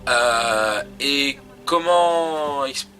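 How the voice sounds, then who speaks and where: A man co-hosting a video game show, giving chatty, excitable let's play commentary while he plays. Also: medium pitch, extremely slow, soft background music. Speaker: game video co-host and player.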